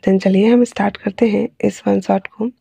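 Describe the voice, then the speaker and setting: A woman narrating her own story in a casual, chatty way. Her voice is husky and gravelly with a dark tone. The close mic makes the sound dry. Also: medium pitch, steady tone, moderate pace, dry recording. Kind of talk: reading her own fanfiction aloud.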